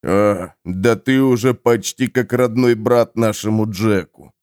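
A man's voice: on the low side, steady tone, a little slow, darkish tone, clean tone, close to an everyday voice. A man voicing a cowardly male jailer who sneers at first and then begs for mercy under blows, in an audiobook. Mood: sneering. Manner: pleading, whining.

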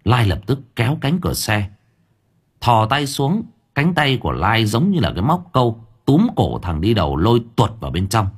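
A man narrating an audiobook story in a lively storytelling manner. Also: medium pitch, normal speed, breathy edge.

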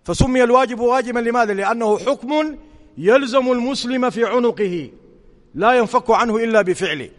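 A man's voice: very high voice, a little fast, long reverb tail. A man teaching a religious lesson as a sheikh, explaining points and often asking his students whether they follow. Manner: questioning students, checking understanding.

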